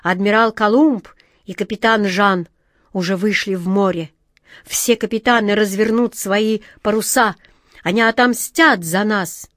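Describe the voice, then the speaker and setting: Brief: a calm, resolute fairy-tale sea captain, read by a woman, dry close sound. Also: a little high, normal speed, no room sound, pitched above the performer's own voice, lightly acted. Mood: fervent. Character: brave, steadfast male sea captain. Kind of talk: storybook reading.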